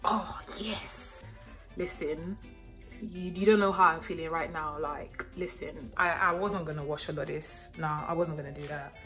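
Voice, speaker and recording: A young woman cooking vlogger chats casually and expressively while she cooks in her home kitchen, filming on a phone held in her hand. Her voice is low and steady, a little slow, with a pushed, bright quality. Music plays underneath the recording.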